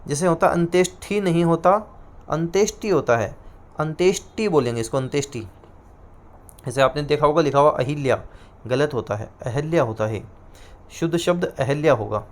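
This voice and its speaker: A man with a Rajasthani Hindi accent teaches an exam-prep class in a fairly high voice. He says each answer more than once and slows down to dictate the terms. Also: lively intonation.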